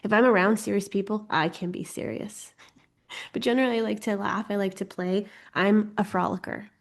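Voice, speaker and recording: A woman teaches an informal online astrology course with a steady, medium-pitched voice and a slightly quick pace. Getting over a cold leaves her a bit congested, and her manner is playful, giggly and full of self-deprecating humor.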